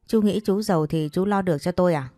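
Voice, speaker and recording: A woman's voice: fairly low pitch, quick pace, mellow, dry recording, studio quality, soft background music, natural voice. A woman reading an audio story, voicing a headstrong teenage girl who scolds sharply. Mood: scornful.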